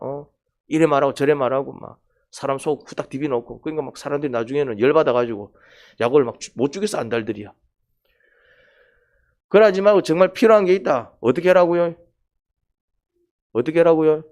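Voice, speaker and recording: A man's voice: mid-range voice, fairly quick, a little mellow. Man preaching. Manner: conversational preaching, questions the congregation, acts out quoted lines. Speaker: pastor. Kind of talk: sermon at a Wednesday prayer meeting.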